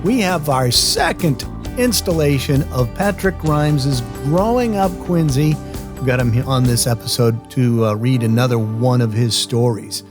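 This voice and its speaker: In a recording studio, a podcast host with a mid-range, animated voice chats upbeat about voice and recording during a casual interview, with music in the background. He spells out names slowly.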